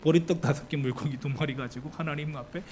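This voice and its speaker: A man preaching a sermon as pastor, asking his congregation lively questions and acting out the people in the story. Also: a little high, fast talker, slight background noise. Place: church sanctuary.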